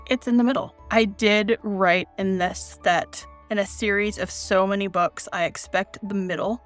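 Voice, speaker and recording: A woman's voice: mid-range voice, normal speed, soft background music. An American woman in her forties, talking casually and expressively about books she has read. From United States, raised in Kenya. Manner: chatty, expressive, reads from her notes. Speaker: book reviewer. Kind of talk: casual book review vlog.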